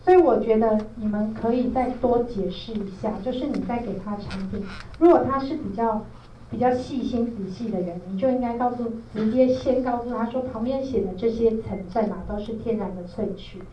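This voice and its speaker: A woman's voice: fairly high pitch, a little fast, dark tone. A woman with a Taiwanese Mandarin accent gives an informal training lecture, explaining things step by step and checking in with her listeners. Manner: explanatory, often checks with listeners using tag questions. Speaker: product trainer, presenter. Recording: roomy echo, distant mic, dull, faint noise.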